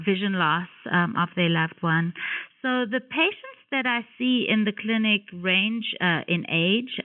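A woman with a South African accent explains her clinical work in a careful, measured way, with a few fillers. Her voice comes through a tinny phone line and sounds close and dry, with no room around it. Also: medium pitch, no room sound. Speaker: guest occupational therapist.

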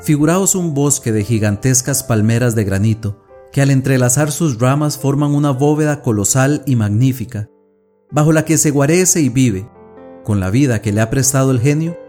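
A male narrator reads a classic tale in a measured, solemn manner. His voice is dark and mellow at an average pitch. Soft instrumental music plays faintly beneath the narration. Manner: measured, solemn literary reading. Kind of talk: scripted audiobook narration.

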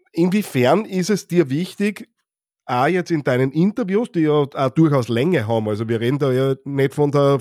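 A man's voice: fairly high pitch, warm tone, no room sound, clean studio sound. A man hosting an interview, asking long questions while searching for his words. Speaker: interview host.

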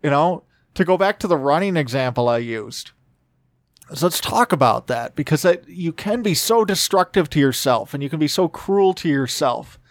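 A man's voice: a little high, animated, normal speed, no echo. A man hosting a podcast, reflecting earnestly and conversationally on faith, with many asides and restarts. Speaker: podcast host. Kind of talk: reflective religious commentary.

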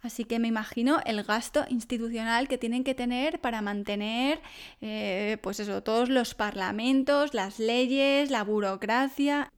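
A woman's voice: a little high, steady tone, unhurried, smooth. A woman from Spain chatting casually to camera, telling stories and acting out other people's voices. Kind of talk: casual storytelling monologue.

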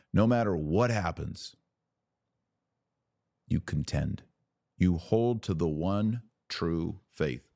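In studio-quality audio with no echo, a male podcast host preaches a fervent religious monologue. His deep, gravelly voice is a little mellow, and he presses his points with repetition, rhetorical questions and an emphatic, exhorting manner.

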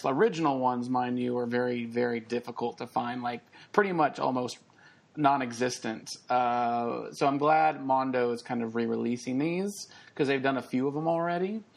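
Male co-host, gravelly mid voice, eager collector chat full of fillers. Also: medium pitch. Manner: enthusiastic collector, many fillers. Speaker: podcast co-host. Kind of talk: casual chat.

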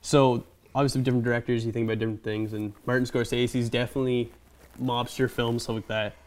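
A young man with a smooth, clear voice chats loosely about a film, wandering between points and cracking jokes. He slips into little acted-out quotes as he goes, casual and unscripted. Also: mid-range voice, little pitch movement, fast. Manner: rambling, joking, acts out quotes. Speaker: podcast co-host. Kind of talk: casual movie chat.

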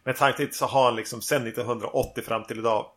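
A man co-hosting a podcast, speaking thoughtfully about a film, with a gravelly edge and hesitant fillers. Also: medium pitch, fairly even intonation. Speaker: podcast co-host. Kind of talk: casual film discussion.

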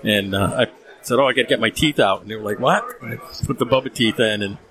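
A man co-hosting a casual podcast in a cigar lounge, playful and quick to laugh. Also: fairly low pitch, a bit bright. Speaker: podcast co-host. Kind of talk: casual chat.

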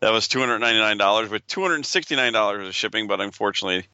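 A man chats casually as a co-host with a lowish, very forceful voice. He argues his opinions persuasively. The recording is dry and a bit lo-fi. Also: lively intonation, racing, clear, resonant tone, dry recording. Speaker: podcast co-host. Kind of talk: casual chat.

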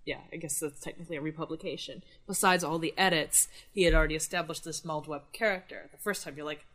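A woman talks casually on a literary podcast. Her voice is a bit low, and she gives opinions in a wry, slangy, exasperated way. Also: steady tone, fast talker, a bit bright. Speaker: podcast co-host.

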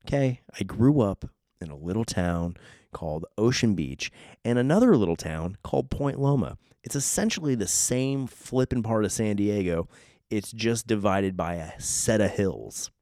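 Rambling Southern Californian man, low voice. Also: lively intonation, normal speed, mellow, no room sound, clean studio sound. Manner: rambling, wry, repeats phrases. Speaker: podcast host. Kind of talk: casual monologue.

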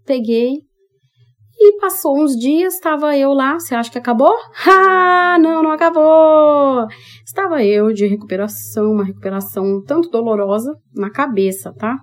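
Expressive Brazilian woman telling her story. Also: fairly high pitch. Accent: Brazilian Portuguese. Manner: candid, expressive, addresses listeners directly. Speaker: podcast host. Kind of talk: personal storytelling monologue.

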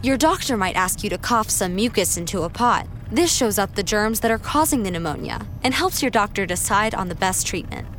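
A woman playing a confident, helpful medical superhero, giving clear instructive narration in an educational cartoon. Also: mid-range voice, expressive, a little fast, few pauses, fairly bright tone, a little hiss or hum, lightly acted.

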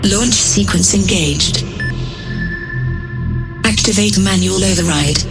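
A woman voicing a calm female spaceship computer that gives even, measured announcements in a synthetic-sounding voice. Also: medium pitch, gravelly. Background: electronic dance music.

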